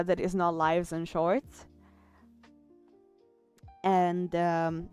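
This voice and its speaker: A woman with an Italian accent chats casually during a live art stream, reading chat messages aloud and trailing off with fillers. She's an artist streamer with a clean, mid-range voice.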